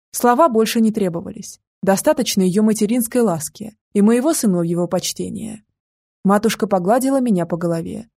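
A woman narrating a first-person audiobook in a calm, measured way. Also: mid-range voice, husky, no room sound, studio quality.

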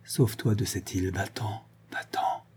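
A man voicing a dying old father who speaks in a faint, raspy, frightened whisper. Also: lowish voice, normal speed, dark tone.

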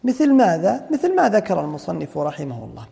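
A man's voice: high voice, huge pitch swings, fast talker, gravelly, warm tone, long reverb tail. A man teaching Islamic jurisprudence, explaining a classical text and asking and answering his own questions. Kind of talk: explaining a fiqh text in a lecture.

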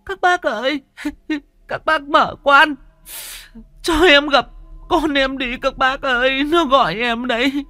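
A man's voice: fairly even intonation, slow pace, bright, forceful tone, no room sound, full character voice. A man voicing a hysterical grieving mother who wails and shrieks through sobs. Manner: shrill sobbing shrieks. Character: wailing grieving mother, hysterical, older woman.

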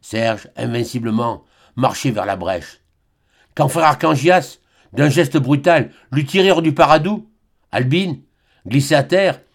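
A man narrating a classic novel as an audiobook reader, in a measured, dramatic way. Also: a little high.

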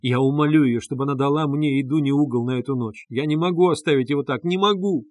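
A man's voice: mid-range voice, fairly even intonation, fast talker, a little mellow, no echo, close to an everyday voice. Brief: male narrator doing a fretful, pleading mother, dry booth sound. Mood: desperate. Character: anxious, timid middle-aged mother. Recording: dry close studio sound.

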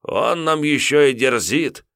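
A man's voice: mid-range voice, lively intonation, a little slow, a bit bright, dry recording, clean studio sound, voice pushed up. A man doing a sly scheming steward. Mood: sly mocking. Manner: sly and mocking. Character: sly, scheming middle-aged male steward with a hooked nose.

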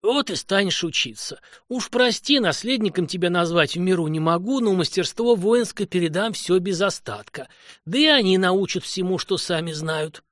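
A man voicing a wise old male Cossack elder who speaks slowly and gravely, with heavy sighs. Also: sits high, animated, a bit bright, dry recording, studio quality, voice pushed up. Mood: kindly. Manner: slow, grave, sighing.

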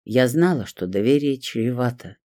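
A man voicing a stern, cold older woman who owns a bakery, speaking calmly and in measured tones. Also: medium pitch, no echo, clean studio sound, lightly acted.

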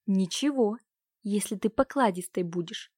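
A woman's voice: mid-range voice, moderate pace, warm tone, dry recording, studio quality, lightly acted. A woman voicing a cruel, domineering uncle who scolds and threatens his niece. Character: cruel domineering middle-aged uncle, man.

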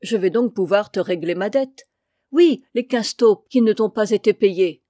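A woman's voice: mid-range voice, moderate pace, dark tone, dry recording, studio quality, close to an everyday voice. A woman voicing a hearty, jovial old farmer who was once a soldier.

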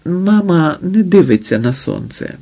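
A man's voice: on the high side, big pitch swings, measured pace, vocal fry, dark tone, pitched above the performer's own voice, exaggerated voice. A man doing a timid, frightened daughter. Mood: anxious. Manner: nervous, murmuring.

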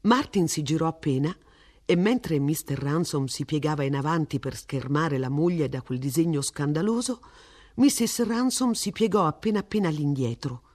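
Expressive woman reading a novel. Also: sits low, normal speed. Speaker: audiobook reader. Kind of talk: literary audiobook narration.

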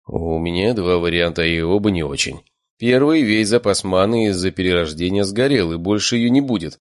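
A man's voice: sits low, dry recording, studio quality. A man reading a first-person audiobook in a wry, matter-of-fact way. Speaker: audiobook narrator.

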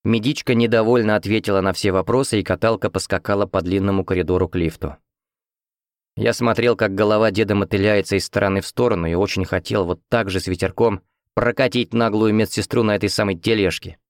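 A man narrating an audiobook in the first person with a steady, even reading. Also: on the low side, fast, no room sound, studio quality. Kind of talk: scripted narration.

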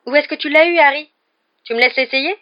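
A woman reading a story aloud, voicing an excitable, loud teenage boy wizard who talks in rapid eager questions. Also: a little high, lo-fi sound, pitched above the performer's own voice, natural voice.

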